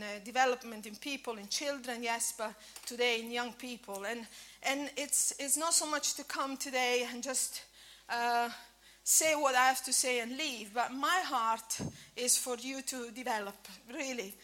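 Delivering a casual sermon at a church breakfast, this woman in her fifties leans on fillers and frequently restarts her sentences. Italian by birth and native tongue, she has an Italian accent with a bit of Scottish in it. Her slightly high voice is pushed and bright, evenly intoned, moving at a moderate pace with few pauses.

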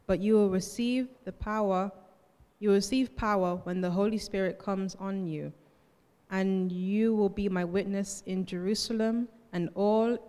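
A woman reads scripture aloud at a mid-range pitch, with a slightly halting delivery and small self-corrections. Her voice carries the long reverberation of a church hall. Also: darkish tone, clean tone. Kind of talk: reading aloud from the Bible. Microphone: handheld microphone held close.

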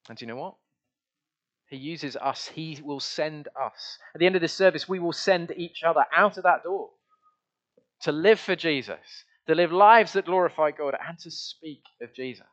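A man's voice: fairly high pitch, moderate pace, a bit bright, muffled recording. A man preaching a conversational, earnest sermon to his church. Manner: earnest, conversational, with many restarts. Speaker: pastor.

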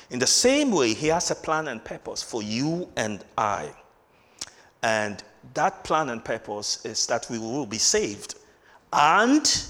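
A man preaching a Christmas sermon, stressing key words by repeating them and reading scripture slowly. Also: mid-range voice, a bit bright. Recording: long hall reverb.

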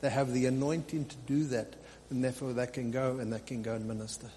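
Warm in tone and level in delivery, this mid-range male voice talks fast. As a pastor, he teaches without notes, rousing the congregation and repeating phrases for effect. The live sermon echoes through a big room, with faint hum and noise in the recording.

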